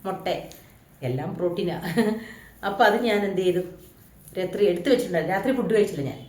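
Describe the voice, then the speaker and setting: A beauty vlogger from Kerala, India, with a Malayali accent chats casually through a home beauty vlog, often ending lines with a tag that checks in with viewers. She talks quickly in a fairly low, slightly mellow voice, in an echoey room.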